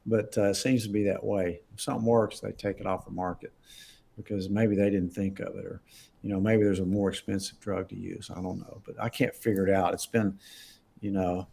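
Low, gravelly, slightly husky man, a doctor fielding live questions, casual and emphatic. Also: level tone, brisk, dark tone, a little hiss or hum. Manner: conversational, emphatic, laughs often. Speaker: doctor answering viewer questions.

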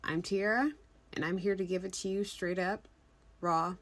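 A woman's voice: medium pitch, steady tone, moderate pace. A woman hosting a podcast in casual chat, asking questions directly. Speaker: podcast host.

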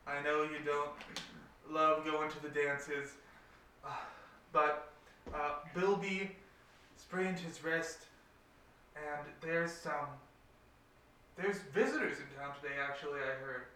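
A man voicing an anxious young townsman who asks a friend for a favor in a hurried, apologetic way. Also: a little high, fairly even intonation, bright, forceful tone. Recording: roomy room, distant mic, faint noise.

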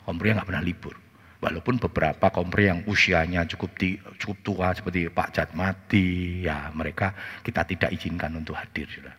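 A male pastor preaching, telling stories in an animated way and often turning to the congregation. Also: sits low, brisk, slightly rough, big-room sound. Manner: animated, switches into Javanese phrases, often addresses listeners. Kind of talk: sermon with storytelling.

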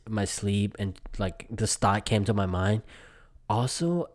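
A man's voice: fairly low pitch, a little mellow. A man in his twenties from Vietnam, a Vietnamese native speaker, hosting his own casual solo podcast and telling a long story with frequent restarts and self-corrections. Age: 20s. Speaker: podcast host.

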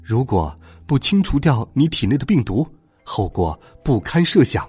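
A man voicing a cold, stern schoolkid who may be a robot, in an icy, flat manner, in a storybook reading. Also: mid-range voice, moderate pace, slightly rough, soft background music.

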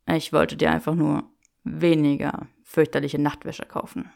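A woman voicing a lovestruck young wizard, speaking low and wry. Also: flat delivery, unhurried, creaky, darkish tone, heavily acted. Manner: murmured, wry.

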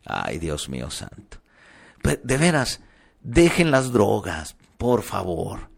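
Emphatic man preaching, lower-pitched voice. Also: creaky, darkish tone. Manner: emphatic, conversational, asks the congregation rhetorical questions. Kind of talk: sermon.

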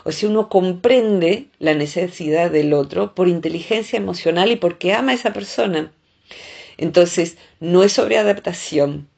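Husky Rioplatense woman, podcast chat. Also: lowish voice, moderate pace, darkish tone. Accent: Rioplatense Spanish. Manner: thoughtful, explains with many filler "eh"s. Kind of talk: casual explanatory podcast chat.

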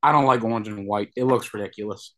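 A man's voice: on the low side, fast talker, a bit bright. A man co-hosting a casual sports podcast, teasing and needling his co-hosts. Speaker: podcast co-host.

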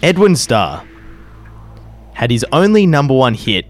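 A man helps run a casual podcast quiz, teasing the others in an animated way. His pitch leaps up and down dramatically, with faint music behind. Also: unhurried. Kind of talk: casual chat.

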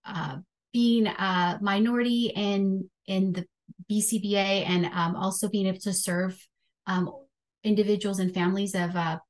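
A woman hosting a podcast, introducing a guest and asking friendly, halting questions full of fillers. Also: medium pitch. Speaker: podcast host.

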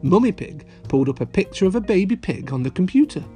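A man's voice: sits high, very animated, quick pace, mellow. A man narrating a children's story like a kids show host, cheerily addressing young listeners, with guitar music behind him.

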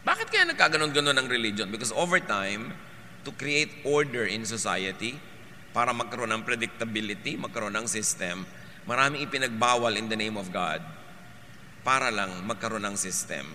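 A man preaching a sermon, mixing Tagalog and English, with an animated and forceful delivery. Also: on the low side, moderate pace, in a large hall, slight background noise. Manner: animated, switching between Tagalog and English, rising to forceful emphasis.

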